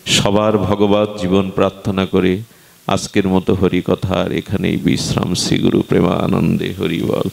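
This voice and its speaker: A man's voice: gravelly, long reverb tail. A man preaching a devotional sermon, telling a sacred story with impassioned rises and chanting verses in melody. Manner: impassioned, rising to high emotional peaks.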